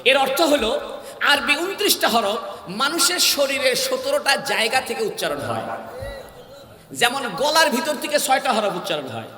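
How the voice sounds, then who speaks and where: A man preaches with a high, bright, piercing voice, pushing hard on his points and calling the crowd to answer. His voice rings through a long, echoing reverb from a public address system. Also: big pitch swings, normal speed. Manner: emphatic, calls crowd to respond. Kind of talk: Bangla waz sermon. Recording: echoey hall-like PA sound.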